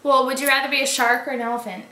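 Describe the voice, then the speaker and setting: Here the same kind of speaker, a woman in her twenties from the Boston area, United States, reads challenge questions in a playful, slangy casual chat with a light local accent. Her high-pitched delivery is rapid-fire, bright and forceful, with fairly even intonation. It's recorded indoors in a small home room with roomy echo.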